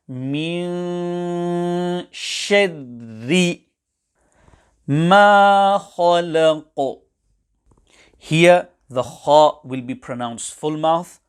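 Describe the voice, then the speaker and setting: A man teaching Quran recitation rules in a webinar, explaining carefully and reciting short examples. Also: medium pitch.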